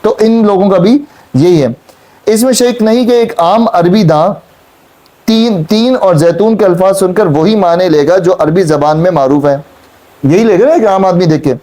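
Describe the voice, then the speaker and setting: High-voiced man teaching a Quran class. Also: normal speed, dark tone. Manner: questioning students, repeating points. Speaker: Islamic teacher. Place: classroom with students.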